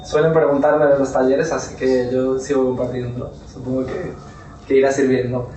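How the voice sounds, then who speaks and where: A man's voice: mid-range voice, little pitch movement, moderate pace, warm tone. A man with a Castilian Spanish accent gives an informal workshop talk, telling a story and often checking in with his listeners. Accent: Spain (Castilian Spanish). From Spain. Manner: storytelling, keeps checking in with "¿vale?". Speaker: workshop speaker. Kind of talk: informal lecture to a small audience. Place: talk room at a therapy centre. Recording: echoey room, voice from far off, faint noise.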